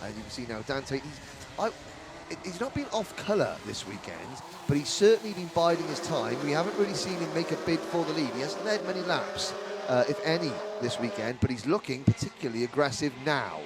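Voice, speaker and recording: Male motorsport commentator, fairly high voice, chatty live race calling, jokey asides, clear trackside engine noise. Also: animated, brisk.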